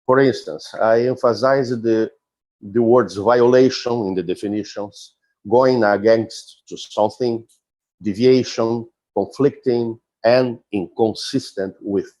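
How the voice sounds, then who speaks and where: A man giving an academic conference lecture, deliberate and explanatory, often halting and restarting his phrases. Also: mid-range voice, darkish tone. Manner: halting, with frequent restarts and fillers. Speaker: philosophy professor giving a talk.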